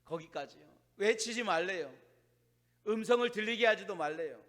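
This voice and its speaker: A male pastor preaches an animated sermon in a church sanctuary. His voice sits high for a man, and the room's long reverb trails each phrase. He acts out quoted complaints and sinks into hushed asides. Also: normal speed.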